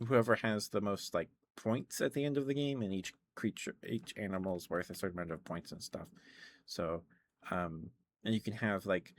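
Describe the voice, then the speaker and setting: A man's voice: low-pitched, a little hiss or hum. A man streaming ASMR, rambling casually in a hesitant, meandering way.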